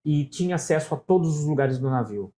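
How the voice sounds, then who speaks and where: Speaking as a chatty interview guest, this middle-aged man from Brazil has a São Paulo Portuguese accent and spins stories in a relaxed way, often ending with "né?". His fairly high voice is warm and brisk, with lively intonation.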